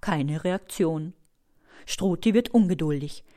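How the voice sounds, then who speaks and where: A woman calmly narrating a children's story, sometimes dropping to a hush. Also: lowish voice, takes it slowly. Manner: calm, hushed in places.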